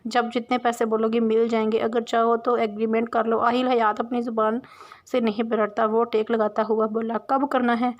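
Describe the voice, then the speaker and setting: A woman reading a romance novel aloud as narrator, voicing every character's dialogue in her own voice. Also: a little high. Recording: dull lo-fi recording.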